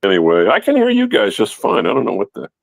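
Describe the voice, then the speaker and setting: A man's voice: fairly low pitch, huge pitch swings, quick pace, creaky, dry recording, clean studio sound. An older man telling a rambling story as a guest, his voice breaking up over a bad phone connection while he apologizes.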